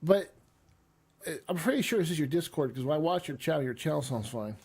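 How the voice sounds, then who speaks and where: A man's voice: on the high side, expressive, fairly quick, darkish tone, breathy edge. A man chatting casually with friends on a voice call, easygoing and rambling, with many fillers. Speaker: streamer hosting a chat. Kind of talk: casual chat.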